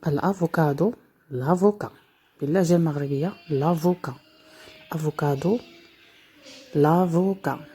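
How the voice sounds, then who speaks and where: Slow, low-voiced woman teaching vocabulary. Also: warm tone, slightly rough. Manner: slow, repeating each word several times. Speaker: dialect teacher. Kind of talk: slow vocabulary lesson with repetition.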